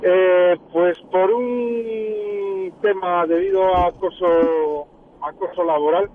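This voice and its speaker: A man calls in by phone while on the road, his voice squeezed into a tinny, narrow line. He speaks slowly and haltingly, in a slightly high register, with faint road noise behind him. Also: steady tone. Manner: hesitant, halting. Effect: phone call from a moving vehicle. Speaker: radio call-in listener. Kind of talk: casual phone call. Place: vehicle on the road.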